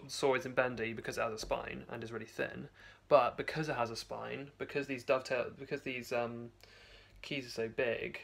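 Young male vlogger, gravelly, hesitant and rambling, phone held close in a basement. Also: medium pitch, a bit bright. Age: young adult. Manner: rambling, hesitant, many restarts. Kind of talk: casual video diary. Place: home basement, indoors. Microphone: phone camera held close.

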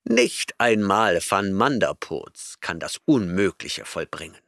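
A man's voice: low voice, expressive, slow pace, fairly bright tone, no echo, clean studio sound, heavily acted. A man reading an audiobook voices an arrogant, eccentric male professor who lectures impatiently and snorts at his listener. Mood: lecturing.

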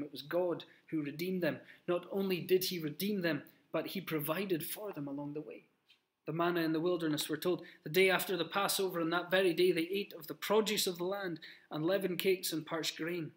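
A man in his thirties preaches a sermon in a small plain room and speaks into a webcam on his desk. His slightly high voice is earnest and emphatic, and he pauses and restarts as he goes. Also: steady tone.

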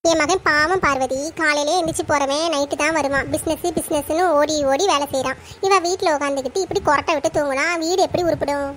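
Woman voicing a shrill nagging cartoon mother-in-law. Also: quick pace, few pauses, a bit bright, a little hiss or hum. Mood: scolding. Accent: Tirunelveli Tamil. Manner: nagging, complaining, bossy. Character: scolding middle-aged mother-in-law Sornam, strict and grumbling.

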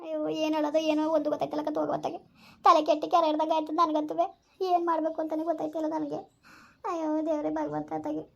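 A fretful middle-aged village mother, played by a woman, pours out her woes fast and high. Her wailing lament stays pitched up and flat. It comes through dull, lo-fi sound. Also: gravelly. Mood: despairing. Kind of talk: village comedy skit.

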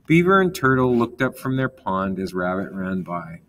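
A man reads a children's story aloud, calm and unhurried, stopping now and then to explain a word. His voice sits low for a man. A faint hum of noise runs underneath.

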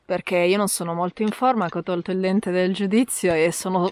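A woman's voice: on the low side, fairly even intonation, a little fast, a little mellow. A woman, chatting casually as a hiking vlogger outdoors. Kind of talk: casual vlog chat. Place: outdoors on mountain roads and trails. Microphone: action camera at arm's length.

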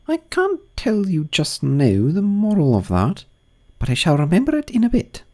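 A man voicing an ugly, chummy old noblewoman who finds a moral in everything, in a high, drawn-out, sing-song voice. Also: wildly swooping pitch, a little mellow, heavily acted. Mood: gushing, moralizing.

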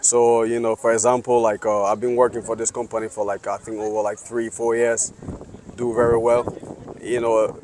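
A man from Liberia in his thirties talks earnestly in a street interview on a sunny square. He speaks at a middle pitch and searches for words as he goes. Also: little pitch movement, moderate pace, darkish tone. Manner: hesitant, many fillers and restarts, earnest. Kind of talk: casual street interview answers. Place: sunny city square outdoors.

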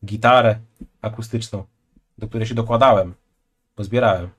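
A man's voice: on the low side, fairly even intonation, moderate pace, slightly rough. Joking young man on a live stream. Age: 20s. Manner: joking, chatty, loose slangy asides. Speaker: streamer reacting to a video. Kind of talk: casual live-stream commentary. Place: small room at home. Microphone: headset.

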